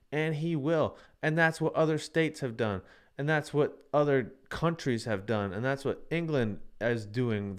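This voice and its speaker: A man's voice: mid-range voice, clear, resonant tone. A man hosting a live-streamed show, talking casually and ranting in a heated, profane way. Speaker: livestream show host.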